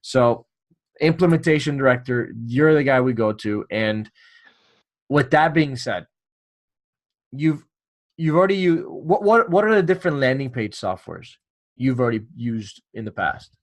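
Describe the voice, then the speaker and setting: A man's voice: medium pitch, animated, unhurried, long pauses. A man hosting a casual interview podcast, friendly and joking, often restarting his sentences. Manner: friendly, joking, many restarts and repeated words. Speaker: podcast host.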